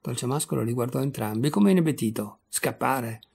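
A male audiobook reader narrating a literary short story in a measured, expressive way. His voice has a gravelly edge. The pitch sits in the middle.

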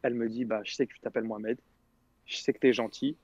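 A man's voice: mid-range voice, steady tone, quick pace, darkish tone, slightly rough, no room sound, dull audio. A young man telling a long story in casual slangy chat on a radio show, quoting others as he goes. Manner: rambling, slangy, quotes others.

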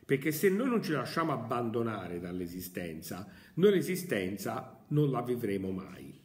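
A man's voice: mid-range voice, sing-song, moderate pace. A male philosophy teacher giving an emphatic, theatrical lecture with rhetorical questions. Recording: echoey room.

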